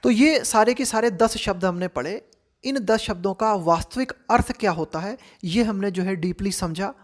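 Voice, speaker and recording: A woman, an English teacher explaining a vocabulary book in Hindi, reading each English line slowly and then speaking to her learners directly. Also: mid-range voice. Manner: conversational, addresses learners directly.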